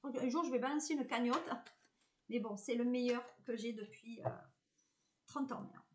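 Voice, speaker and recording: A woman's voice: on the high side, moderate pace, dull audio, a little hiss or hum. A woman with a southern French accent, giving a live card reading as a medium, chatty and reassuring, hesitating often.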